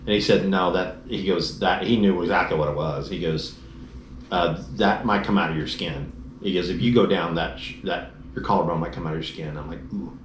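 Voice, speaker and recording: A man's voice: low-pitched, brisk. A man casually recounting his motorcycle crash and trip home, acting out the voices of the people in his story. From Dallas-Fort Worth area, Texas. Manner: animated storyteller, acts out quoted dialogue. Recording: roomy echoey room, faint noise.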